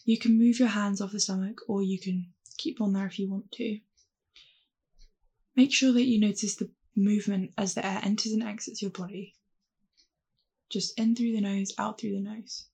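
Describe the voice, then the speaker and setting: Creaky, husky woman guiding a calm grounding exercise. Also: mid-range voice, normal speed. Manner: calm, gentle, reassuring instruction. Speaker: meditation guide. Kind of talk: guided mindfulness meditation, calm grounding exercise.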